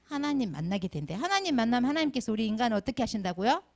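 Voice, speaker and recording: A woman's voice: fairly high pitch, rapid-fire, gravelly. A middle-aged woman giving a Sunday school sermon to children, asking them question after question. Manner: asks the children constant questions, animated.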